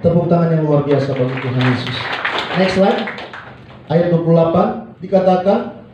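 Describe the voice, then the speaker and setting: A man's voice: on the high side, normal speed, lo-fi sound, noisy background. A male pastor preaching a sermon in a church hall, leading the congregation in call-and-response and acting out the people he quotes. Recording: echoey hall, mic from far off.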